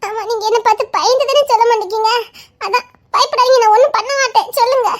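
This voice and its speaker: A woman's voice: very high-pitched, quick pace. A woman pleading and laughing in a casual couple chat, whining as she coaxes her husband to talk. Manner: pleading, laughs and whines while coaxing. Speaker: wife in a couple vlog.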